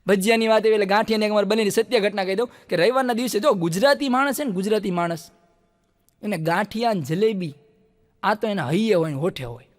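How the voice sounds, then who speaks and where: Stand-up comic, Kathiyawadi accent, high bright voice, long reverb of a stage hall. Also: male voice, fast talker. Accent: Kathiyawadi Gujarati. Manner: lively storyteller who acts out the people in his jokes. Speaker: stand-up comedian. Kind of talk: stand-up storytelling jokes.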